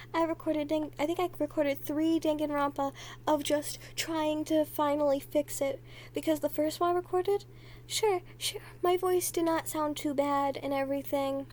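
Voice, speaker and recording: A woman's voice: high-pitched, steady tone, unhurried, slight background noise. A teenage girl vlogger chatting casually and rambling, with plenty of fillers. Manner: rambling, talking freely with frequent fillers; quiet and hushed near the end, trying not to be overheard. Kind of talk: casual chat.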